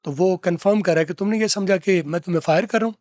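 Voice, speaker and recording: A man teaching English from film dialogue, repeating phrases slowly to drill pronunciation. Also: high voice, a little mellow, no room sound. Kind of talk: lesson explaining film dialogue.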